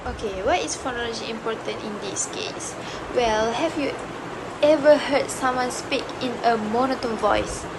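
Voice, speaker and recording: Young woman student presenter, high-ish, hesitant, noisy street backdrop. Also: moderate pace. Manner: hesitant, many uh fillers and restarts. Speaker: student presenter, future English teacher. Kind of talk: class presentation. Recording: noisy background with passing vehicles.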